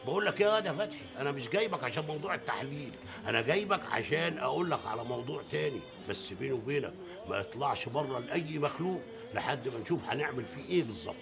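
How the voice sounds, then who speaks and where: A man's voice: mid-range voice, animated. An actor playing a stubborn, bossy old father with an Egyptian accent, in a TV drama. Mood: scolding. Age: older. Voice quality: gravelly, bossy, quick-tempered. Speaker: father of a grown son. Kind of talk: TV drama acting. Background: background score music.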